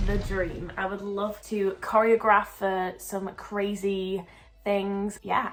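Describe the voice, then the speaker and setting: A woman's voice: medium pitch, a bit bright, low-quality recording. A young woman, a dancer and choreographer answering viewer questions in a chatty, upbeat vlog and laughing often. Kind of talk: casual Q&A vlog.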